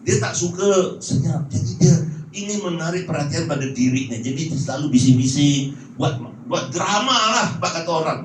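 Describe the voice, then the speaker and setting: A pastor preaches with animated jokes and strings of rhetorical questions. His voice sits high and echoes through a roomy church hall. A distant mic picks it up with faint noise behind. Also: moderate pace. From Malaysia. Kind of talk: sermon.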